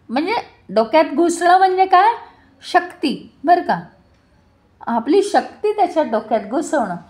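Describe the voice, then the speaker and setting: A woman storyteller narrating a devotional tale, often pausing to ask her listeners questions. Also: very high voice, a little mellow. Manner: asks listeners rhetorical questions.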